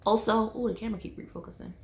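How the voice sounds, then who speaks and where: A woman's voice: on the high side, steady tone, rapid-fire, creaky, a little mellow. A woman in her thirties talking casually to camera in an indoor room, chatty and self-correcting, laughing at herself. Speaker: vlogger. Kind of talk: casual vlog talk to camera. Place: indoor room with window blinds. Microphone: camera in front of her.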